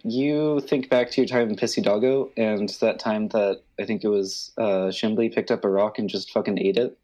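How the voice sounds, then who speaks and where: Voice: mid-range voice, steady tone, normal speed, dark tone, muffled recording. A game master casually narrating a tabletop game in a joking, informal way.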